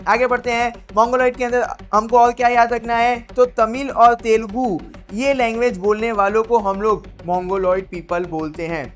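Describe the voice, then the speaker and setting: A woman with a fairly high voice is teaching an exam revision lesson. She keeps it playful and chatty, firing quiz questions and answering them herself. Soft music runs quietly underneath. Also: fairly even intonation, moderate pace, few pauses.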